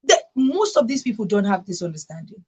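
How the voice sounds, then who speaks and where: Her voice is mid-range and sing-song, a little fast, mellow yet slightly rough. As a radio talk show host, she drives her arguments with emphasis and repetition, often adding a "right?" to make sure listeners are with her.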